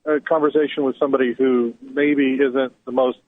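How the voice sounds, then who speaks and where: A man's voice: medium pitch, level tone, moderate pace, no echo. A man calling in to a radio show over a Bluetooth phone line, asking a question hesitantly and repeating words as he searches for phrasing. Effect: caller heard over a Bluetooth phone line. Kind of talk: call-in question. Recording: tinny phone-line call audio.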